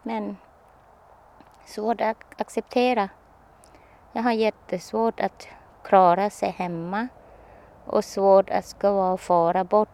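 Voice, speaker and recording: Halting woman telling her story. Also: mid-range voice, steady tone, a little mellow. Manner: halting, simple phrasing with frequent restarts. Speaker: interviewee. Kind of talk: personal storytelling in an interview.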